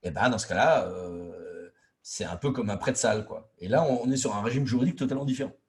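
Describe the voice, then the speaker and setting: A man with a fast, somewhat low and a little mellow voice gives an informal training lecture to local officials on intermunicipal law. Colloquial and didactic, he stresses key words and acts out imagined quotes.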